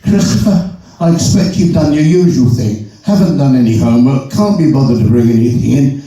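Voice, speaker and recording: A man's voice: mid-range voice, lively intonation, a little fast, warm tone, lightly acted. A man putting on a prim scolding schoolteacher. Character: exasperated female schoolteacher. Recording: echoey hall from far off.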